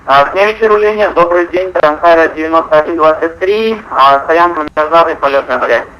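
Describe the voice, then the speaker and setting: A man with a fairly high voice talks over a cockpit headset as a virtual airline pilot. He reads back clearances in clipped, formal radio phrasing and hesitates briefly now and then. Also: moderate pace, sharp tone, slight background noise, poor audio. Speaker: virtual airline pilot on a flight-sim network. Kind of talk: radio phraseology with air traffic control.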